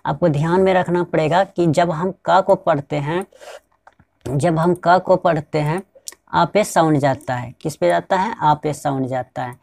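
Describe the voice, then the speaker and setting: A woman's voice: low voice, measured pace, creaky, darkish tone, no room sound. A woman teaching pronunciation step by step, repeating each point and asking the viewers if they understand. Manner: repetitive, keeps asking the viewers rhetorical check-in questions. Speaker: spoken English teacher.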